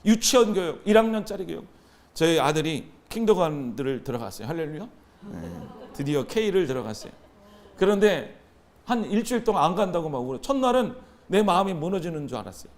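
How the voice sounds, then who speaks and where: Animated high-voiced male pastor preaching. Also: fairly quick. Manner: animated, call-and-response with the congregation. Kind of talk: sermon.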